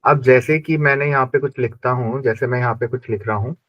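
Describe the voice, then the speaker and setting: A man teaching a language class, drilling pronunciation slowly and repeating each word many times. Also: mid-range voice, fairly even intonation, dry recording, lo-fi sound. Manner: slow repetitive drilling of pronunciation. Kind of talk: classroom lesson.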